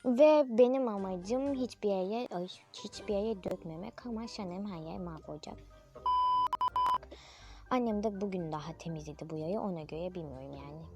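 A woman's voice: mid-range voice, normal speed, music in the background. A young female narrator chatting through a toy role-play video, playful and dramatic, talking straight to her viewers.

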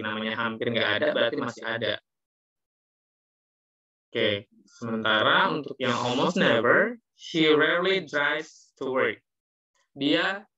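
A man's voice: medium pitch, bright, forceful tone. A man teaching an English class online, explaining patiently and mixing in English phrases, his voice carrying a heavy echo. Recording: muffled, echoey online class audio.

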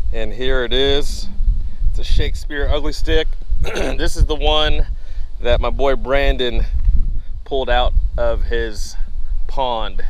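A man's voice: medium pitch, slight background noise, rough recording. Casual young man vlogging outdoors. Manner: casual, swears freely. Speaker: vlogger host. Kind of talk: casual outdoor fishing vlog. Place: outdoors by a pond and creek. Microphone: head-mounted action camera.

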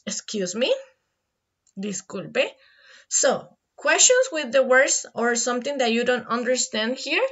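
A woman's voice: on the high side, sharp tone, dull audio. A woman teaching an English class online, switching between Spanish and English and checking in with "verdad?".

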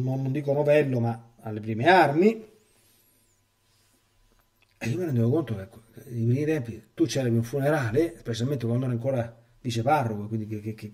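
A priest gives a catechesis sermon, his voice mellow and warm. He moves between reading a text aloud and speaking freely, pressing his points with emphasis and sometimes stumbling over repeated words. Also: medium pitch, recorded from a distance. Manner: emphatic, with stammered repetitions when speaking freely.

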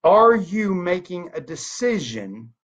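Speaking slowly in a high voice, this 39-year-old man leads in network marketing and addresses his webcam from a home office desk. He's emphatic, gestures animatedly, and keeps firing off rhetorical questions in a motivational pitch, all captured in dull, lo-fi webcam sound.

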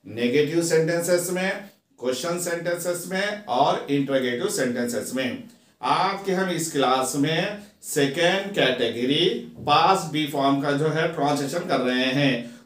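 A man with a Pakistani accent teaching an English grammar lesson to a class, slowly drawing out and repeating example words. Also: fairly high pitch. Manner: slow, drawn-out repetition of example words. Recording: echoey classroom sound.

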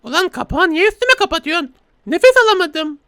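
A man's voice: big pitch swings, fairly quick, pushed and bright, dry recording, studio quality, full character voice. A man voicing a small, grumpy cursed baby doll that whines and bosses people around. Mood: demanding. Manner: whiny, bossy, squeaky.

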